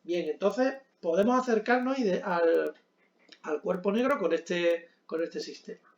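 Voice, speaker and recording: A man's voice: sits high, a little slow, reverberant, muffled recording. A man teaching a physics lesson at a board, explaining step by step with frequent check-ins and hesitant fillers.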